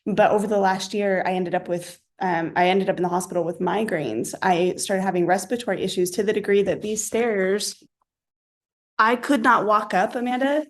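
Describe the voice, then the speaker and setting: A woman's voice: mid-range voice, steady tone, normal speed, no room sound, poor audio. Chatty woman host on a video call. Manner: open, chatty, tags sentences with "right?". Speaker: podcast host. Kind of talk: casual conversational interview.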